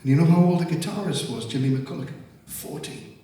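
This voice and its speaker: A man's voice: on the high side, expressive, a little fast, mellow. A man with a Geordie accent telling rambling, sweary anecdotes between songs on stage at a live music venue. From North East England. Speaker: singer-songwriter. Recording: echoey live hall, distant mic.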